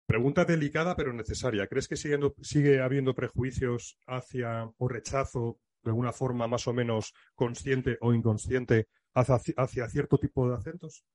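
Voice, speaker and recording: Guy hosting a podcast, medium voice, calm and thoughtful, lots of "ujú" while the guest talks. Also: mid-range voice. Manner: measured, reflective, lots of agreeing murmurs. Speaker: podcast host. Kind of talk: casual podcast conversation.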